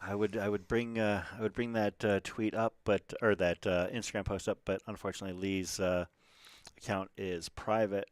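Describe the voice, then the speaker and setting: A man's voice: fairly low pitch, little pitch movement, moderate pace, clear, resonant tone, no echo. A man doing casual live commentary on a race stream, chatty and rambling, with lots of fillers and restarts.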